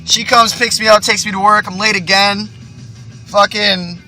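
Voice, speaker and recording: A man's voice: high-pitched, fairly even intonation, moderate pace, sharp tone, faint music behind. A young man, telling a rambling, profane, boastful story in a casual monologue. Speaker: vlogger.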